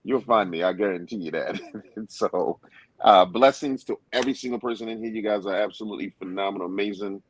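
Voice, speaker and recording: A man's voice: on the low side, a little fast, a little hiss or hum. A man speaking earnestly as a panelist in a discussion, with a preacher-like emphasis.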